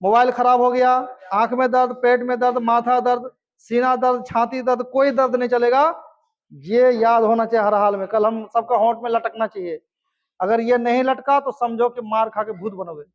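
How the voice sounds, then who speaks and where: Guy teaching a class, very high voice, strict and jokey-threatening, dull lo-fi sound. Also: flat delivery, moderate pace. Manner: stern, mock-threatening, repeats drills aloud. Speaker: English teacher. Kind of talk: classroom lesson, call-and-response drilling. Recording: dull lo-fi recording.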